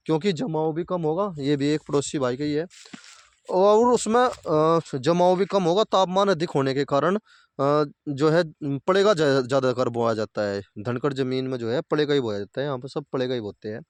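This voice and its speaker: A man stands out by the fields, giving fellow farmers plain advice and going over each point twice. His voice sits a little high. The sound is dry and close. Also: lively intonation, moderate pace, no echo. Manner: plain-spoken, repeats points, addresses viewers as farmer brothers. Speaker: farming video host. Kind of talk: casual advice talk to farmers. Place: outdoors by sugarcane fields.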